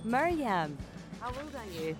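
A woman's voice: fairly high pitch, big pitch swings, unhurried, music in the background. A woman working as a roving reporter, interviewing visitors at a book fair in an upbeat, chatty way, laughing easily. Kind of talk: vox-pop interviews.

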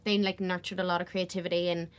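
Effusive young Belfast woman, lower-pitched voice. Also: level tone, fast. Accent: West Belfast. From West Belfast, Northern Ireland. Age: young adult. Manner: effusive, emphatic with repetition. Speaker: actress being interviewed. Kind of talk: casual chatty interview.

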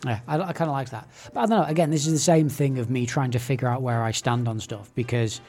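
A man's voice: medium pitch, fast talker, a little mellow, soft background music. A man hosting a homemade radio show, talking things through in a thoughtful, hesitant way and repeating words as he searches for a position. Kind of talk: casual discussion.

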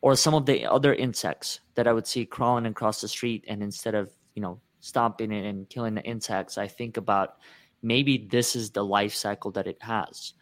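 A man's voice: on the low side, moderate pace, no room sound. A man asking questions in a casual discussion, reflective and musing. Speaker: discussion participant.

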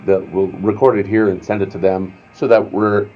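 A man's voice: on the low side, flat delivery, normal speed. A man, a radio morning show host, casually explaining his work with lots of fillers and restarts. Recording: slightly dull lo-fi sound with faint music.

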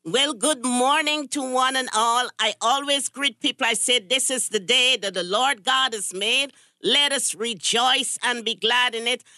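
An older woman from Guyana speaks in a bright, ringing voice set a little high. She delivers a preacherly address that quotes scripture. The sound is close and dry. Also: unhurried, hardly any pauses, no echo. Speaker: guest, candidate's mother. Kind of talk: speech-like address.

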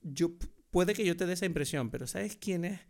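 A man with a Spain Spanish accent chatting casually about films, quick and emphatic, dropping casual swear words. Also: high-pitched, lively intonation, gravelly. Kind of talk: casual film chat.

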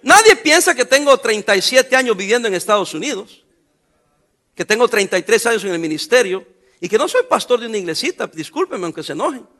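A middle-aged pastor preaching a sermon in a joking, sarcastic, colloquial manner. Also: male voice, very high voice, big pitch swings, fairly quick, pushed and bright.

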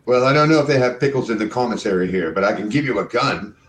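A man's voice: mid-range voice, lively intonation, quick pace, reverberant. A man narrating an improvised tabletop game as game master.

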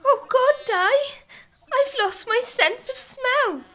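A woman voicing a fussy farm woman who exclaims in exasperation with drawn-out words. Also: very high voice, animated, pushed and bright, heavily acted.

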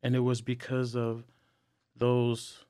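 A young man sharing personal struggles in a candid, earnest way, halting often with fillers and restarts. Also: medium pitch, completely flat delivery, warm tone, clean tone, no room sound, clean studio sound. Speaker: podcast guest.

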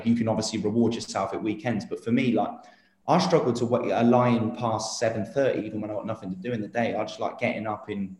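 A man's voice: lowish voice, a little mellow, roomy sound. A man in his late twenties, an interview guest talking casually and earnestly with many fillers and restarts. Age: 20s.

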